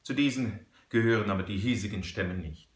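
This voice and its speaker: A man voicing a calm, shrewd frontier hunter who explains things in a measured, firm way. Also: fairly low pitch, reverberant, close to an everyday voice.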